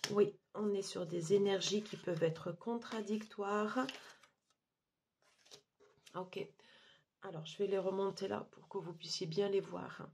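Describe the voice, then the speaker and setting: A woman giving a monthly tarot card reading, talking haltingly with many fillers and restarts. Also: mid-range voice, steady tone, vocal fry, a little mellow, slight background noise. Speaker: tarot reader.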